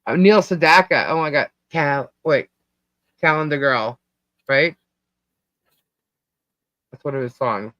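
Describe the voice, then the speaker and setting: She speaks slowly with long pauses in a low-pitched but fairly bright voice, a Long Island, New York native hosting a chatty live stream where she rambles and laughs often. A shaky internet connection cuts her off at times. Audio is dull, dry and lo-fi, lacking any room sound.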